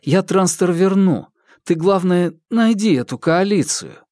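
An earnest young man, voiced by a male audiobook reader speaks with urgent, pleading intensity, pitched higher than the reader's narration. The voice is close and dry. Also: lively intonation, measured pace, darkish tone, no room sound.

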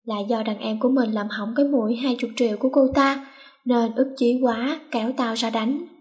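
Cunning teenage schoolgirl, sassy, bossy, mock-sweet, voiced by a woman, high voice. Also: fairly even intonation, moderate pace, lightly acted.

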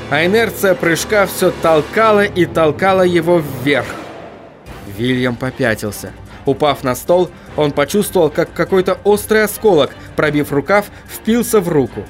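Male audiobook narrator, lively pitch, mid-high voice, faint music under him. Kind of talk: scripted narration.

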